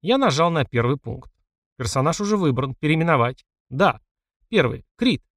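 A man's voice: on the high side, very animated, moderate pace, fairly bright tone, dry recording. A man reading a first-person fantasy audiobook in a dry, wry storytelling manner. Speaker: audiobook narrator.

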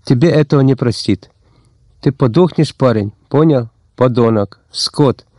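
A spiteful old gangster, heavy and cornered, hisses threats and slang insults, as a male audiobook reader puts him on. The voice is dark and mellow. The recording is close and dry, with no room sound. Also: mid-range voice, moderate pace, no echo, natural voice. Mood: menacing.

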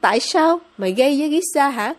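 A woman voicing a greedy, hot-tempered older village mother who scolds loudly and harshly in a storybook reading. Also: high voice, expressive, fairly quick, voice pushed up. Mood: scolding.

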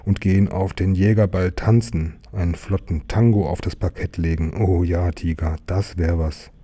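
A man's voice: deep voice, fairly even intonation, normal speed, warm tone, slightly rough. A man doing a dreamy little bear cub.

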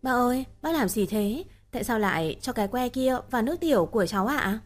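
A woman's voice: a little high, expressive, a little fast, soft background music. A woman voicing a naive, childlike sixteen-year-old girl who asks innocent, pleading questions.

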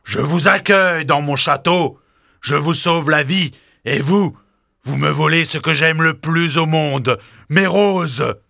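A man voicing a fearsome male beast who speaks sternly and commands loudly in an audiobook story. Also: on the high side, slow pace, creaky, no room sound, clean studio sound, full character voice. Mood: menacing. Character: fearsome male beast, castle lord, harsh. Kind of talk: audiobook drama.

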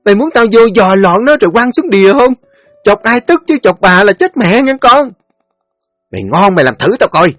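A man voicing a foul-mouthed, shrill teenage village girl who screeches curses and fast threats. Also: lively intonation, no echo, faint music behind. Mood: furious.

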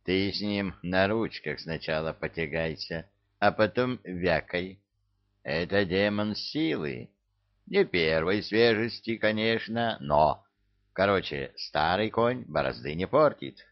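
A man's voice: low-pitched, animated, slow, dull audio, heavily acted. A man voicing a brash male demon lord who answers bluntly and dismissively on the phone, in an audiobook. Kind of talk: audiobook character voice.

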